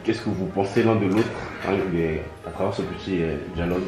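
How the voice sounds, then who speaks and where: A man moderates a blind date, asking brisk, probing questions with a dry edge. His voice is on the low side and quick, recorded in a very echoey room with music clearly audible behind.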